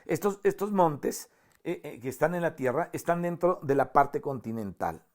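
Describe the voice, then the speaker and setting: A man's voice: on the high side, lively intonation, moderate pace, darkish tone. A man with a Mexican Spanish accent preaching a sermon outdoors to a camera, rising emphatically on quoted verses and often repeating his first words. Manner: frequent fillers and repeated starts. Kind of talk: sermon on a psalm. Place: outdoors at dusk with mountains in view. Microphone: facing a camera.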